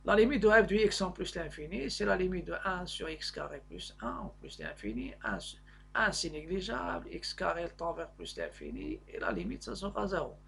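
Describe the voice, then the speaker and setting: A male maths teacher with a fairly high, husky voice explains a worked problem. He goes step by step, halting and hesitating as he builds the explanation, with a creaky edge to his speech. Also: huge pitch swings, fairly bright tone.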